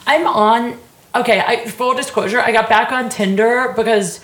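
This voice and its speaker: Chatty higher-voiced woman in a roomy space. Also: fairly even intonation, moderate pace, a bit bright, a little hiss or hum. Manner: informal, slangy, peppered with "like". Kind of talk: casual candid chat.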